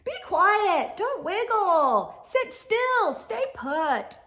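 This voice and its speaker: A woman's voice: very high voice, big pitch swings, extremely slow, fairly bright tone, voice pushed up, full character voice. A woman voicing bossy, stubborn snails who scold in clipped commands in a storybook reading. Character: flock of bossy, scolding, stick-in-the-mud snails.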